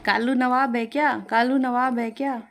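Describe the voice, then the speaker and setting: A woman's voice: on the high side, flat delivery, normal speed, pitched above the performer's own voice, lightly acted. A woman voicing a chattering pet parrot that repeats what people say, each phrase twice in a sing-song way. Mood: chirpy mimicking.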